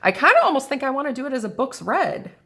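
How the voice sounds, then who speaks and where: Setting up a planner at her indoor craft table, a planner and journal crafter from the American Midwest chats casually and thinks out loud, recorded by a camera over the table. Her voice is high and stuffy, sinusy, with big pitch swings, a quick pace and a fairly bright tone, plus slight background noise.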